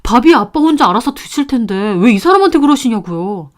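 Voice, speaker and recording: A woman's voice: fairly high pitch, very animated, fast. A woman voicing a tired husband caught between his wife and his mother, placating both. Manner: placating, exasperated. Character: weary go-between husband, grown son.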